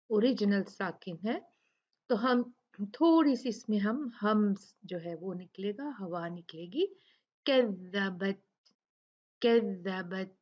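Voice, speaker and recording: A woman gives a recitation lesson and talks at an unhurried, careful pace. She repeats each example word and explains the rules patiently. The recording sounds dull and lo-fi. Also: medium pitch. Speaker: Quran recitation teacher.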